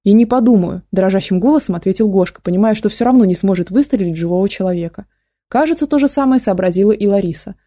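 A woman narrating an audiobook in a steady storytelling manner. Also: mid-range voice, fast talker, no room sound, clean studio sound. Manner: steady storytelling, voices characters.

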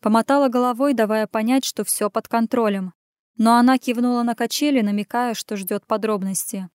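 A woman reading a first-person story aloud as audiobook narration, in an even storytelling delivery. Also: fairly high pitch, a little fast, clear, resonant tone, no room sound, clean studio sound.

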